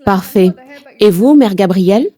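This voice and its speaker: A woman hosting a panel conversation, speaking in a measured, earnest way. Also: mid-range voice, lively intonation, mellow. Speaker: host. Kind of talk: scripted introduction and moderating.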